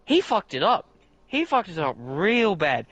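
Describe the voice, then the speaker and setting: In an unhurried, lo-fi recording with no echo, a man on his podcast spins a meandering story, swearing freely and starting his sentences over. He's excitable, and his pitch shoots way up whenever something outrages him.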